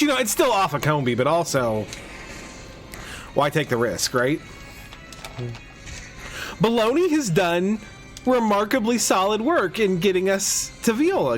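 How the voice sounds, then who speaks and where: A man hosting a casual game playthrough, chatting and rambling through his moves with frequent restarts. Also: fairly high pitch. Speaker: host of a game playthrough podcast. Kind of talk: casual let's play commentary.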